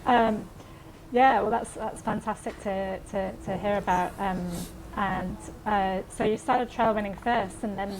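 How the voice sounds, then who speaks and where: A woman's voice: medium pitch, fairly even intonation, a little slow, background noise. Woman host, mid-range voice. Friendly interviewer who hesitates a little between questions. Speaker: podcast host. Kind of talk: casual interview.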